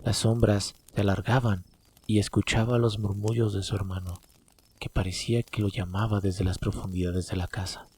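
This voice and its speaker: Dark, husky male horror storyteller. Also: fairly low pitch, level tone, moderate pace. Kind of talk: dramatic horror story narration.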